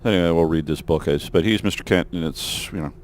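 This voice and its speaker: This low-voiced man talks fast while providing rambling developer commentary on a let's play of his own mission design, peppered with fillers and restarts.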